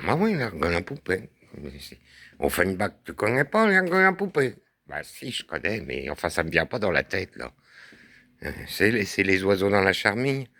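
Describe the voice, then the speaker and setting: Deep-voiced man in playful banter. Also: gravelly, a bit bright, slightly rough, dry recording. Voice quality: deep bass voice. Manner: playful, teasing, drawling chatter. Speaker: puppet-show host. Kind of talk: improvised comic banter. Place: garden outdoors.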